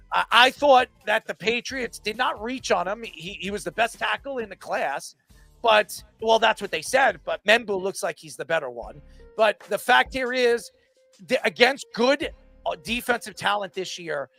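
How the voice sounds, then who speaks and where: A man in his forties co-hosting a casual sports podcast, opinionated and animated, with frequent restarts. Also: high voice, creaky. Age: 40s. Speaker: podcast co-host.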